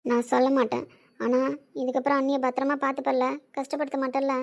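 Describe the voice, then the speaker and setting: A woman voicing a gentle young sister who pleads softly with her older brother. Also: sits high, level tone, fast, creaky, muffled recording. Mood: pleading. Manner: pleading, soft.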